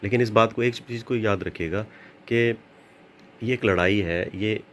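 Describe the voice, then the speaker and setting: A man's voice: fairly low pitch, unhurried, slight background noise. A man preaching an earnest sermon as a pastor, repeating phrases and slipping into English now and then.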